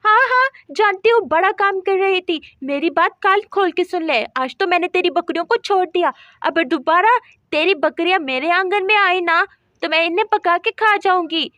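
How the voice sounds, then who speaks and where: A woman performs a bossy, scornful rich neighbor lady in a doll story, shrieking scolds and threats in a very high voice. The sound is close and dry, with no room around it. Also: moderate pace, pushed and bright, dry recording.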